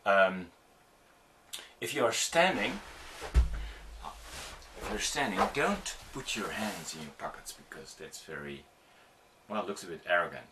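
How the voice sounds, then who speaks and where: Teaching on-camera skills in an informal video, a middle-aged audiovisual producer whose first language is Dutch speaks in a low-pitched voice with lively intonation. He demonstrates as he goes, haltingly, with lots of ums and restarts, over heavy background noise.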